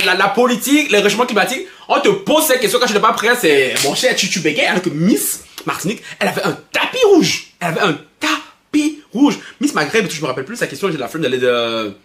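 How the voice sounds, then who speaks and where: High-voiced, excitable Belgian man ranting. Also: quick pace, few pauses, reverberant, slight background noise. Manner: excitable, laughing, mocking, stammering restarts. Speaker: YouTuber commenting on pop culture. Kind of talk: animated gossip commentary.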